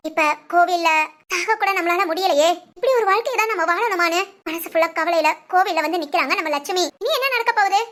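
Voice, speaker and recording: A woman's voice: very high-pitched, fast, fairly bright tone. A woman narrating a dramatic village story, emotive and full of rhetorical questions.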